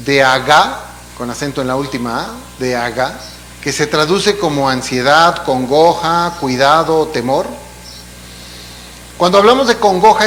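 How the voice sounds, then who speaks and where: A man's voice: fairly high pitch, fairly bright tone. A man preaching a sermon in a church, explaining in a conversational way with asides and rhetorical questions. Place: church hall. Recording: long hall reverb, faint hum.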